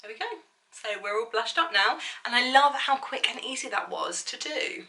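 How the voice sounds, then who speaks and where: A woman's voice: fairly high pitch, normal speed, bright, forceful tone. A woman chatting casually through a makeup tutorial in a bubbly, gushing manner, with a slight lisp on her s sounds. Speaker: beauty vlogger.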